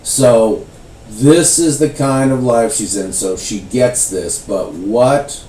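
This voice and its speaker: A man explains a Bible story in loose, conversational teaching, acting out the characters now and then. His voice is mellow and sits at a middle pitch. He sounds a little away from the mic in an echoey room with faint noise behind. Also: slow pace. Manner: animated storytelling, acts out voices. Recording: roomy, distant, faint background noise.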